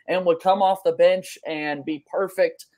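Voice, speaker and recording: Talking a little slowly in a high, steady, slightly mellow voice, a young man hosts a sports podcast in a conversational style. He's on a video call from a small room at home.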